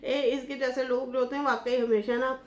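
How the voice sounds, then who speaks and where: A woman's voice: high voice, flat delivery, reverberant. A woman from Pakistan, giving casual, gossipy reaction commentary with many fillers and restarts. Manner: chatty and gossipy, often pauses with fillers and restarts. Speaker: YouTube commentator.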